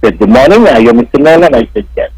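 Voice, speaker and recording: A man's voice: medium pitch, lively intonation, quick pace, darkish tone, no echo. A man from Saint Kitts, calling a talk radio show over the phone and speaking formally to the host. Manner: formal, keeps addressing the host as Mister. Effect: heard over a phone line. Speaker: radio call-in caller. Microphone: telephone. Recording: dry, husky phone-line audio.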